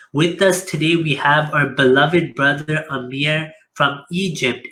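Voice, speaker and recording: A man's voice: a little high, pushed and bright. A man hosting an interview, opening with formal religious greetings and asking questions. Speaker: host.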